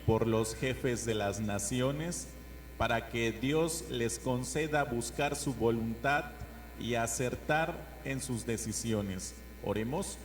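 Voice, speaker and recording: A man reads liturgical petitions in a formal manner, his middle-pitched voice ringing with church echo. A clear hum sits behind him on the recording. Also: takes it slowly. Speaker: lector reading the prayers of the faithful. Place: large indoor church with echo.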